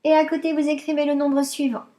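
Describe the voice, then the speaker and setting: A woman teaching primary maths, dictating to young pupils with deliberate articulation and repeating herself. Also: high-pitched, flat delivery, dark tone.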